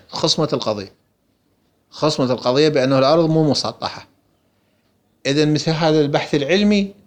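A man with an Iraqi accent giving a religious lesson, explaining a book and answering his own questions. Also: on the high side. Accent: Iraqi Arabic. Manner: rhetorical questions answered himself. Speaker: religious teacher. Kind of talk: lecture explaining a text.

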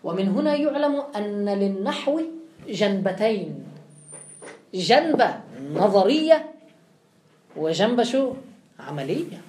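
A woman's voice: mid-range voice, darkish tone, roomy sound, slight background noise. A woman giving a classroom lecture, explaining step by step and putting questions to her students before answering them. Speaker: teacher.

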